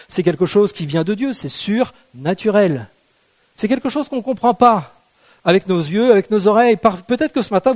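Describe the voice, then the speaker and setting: Guy preaching a sermon, pretty high voice, casual and jokey, keeps asking the crowd questions. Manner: conversational, asks the congregation rhetorical questions; playful, jokes with the audience.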